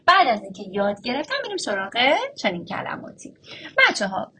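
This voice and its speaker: A young woman with a high, very lively voice explains how to teach first and last sounds to preschool children. She stretches the sounds out in a playful sing-song. A faint hiss sits under the recording. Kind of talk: phonics lesson for teachers.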